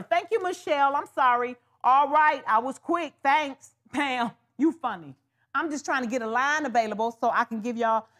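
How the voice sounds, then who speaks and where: A woman hosting a live wig sales show, talking casually to viewers, calling them honey and y'all as she pushes the deals. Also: a little high. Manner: chatty, calls viewers honey and y'all, hard-selling. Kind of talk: live shopping stream chat.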